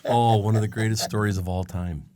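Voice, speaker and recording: A man co-hosting a casual podcast chat, telling stories with lively quotes of other people. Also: on the low side, a little fast. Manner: storytelling, animated when quoting others. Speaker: podcast co-host. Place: lives in Canada.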